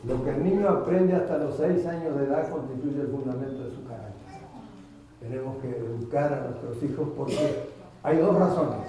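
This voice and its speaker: A male pastor preaches in a somewhat high voice, acting out the people he quotes. He sounds distant from the mic, and the church hall echoes heavily around him while the congregation is clearly heard. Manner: lively preaching, acts out quoted parents and children. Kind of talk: sermon.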